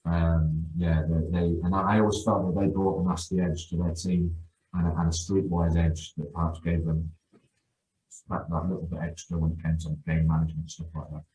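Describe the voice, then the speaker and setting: A middle-aged youth football coach appears as a guest on a casual podcast, speaking in a very low, mellow voice. He's enthusiastic yet flat in delivery, fairly quick, and keeps repeating and restarting words. The echoey room adds noticeable reverb.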